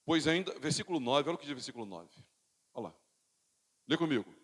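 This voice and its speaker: A man's voice: on the high side, lively intonation, fast talker, a bit bright. Preaching man. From Brazil. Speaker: pastor. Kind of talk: sermon. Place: church sanctuary. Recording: reverberant church hall.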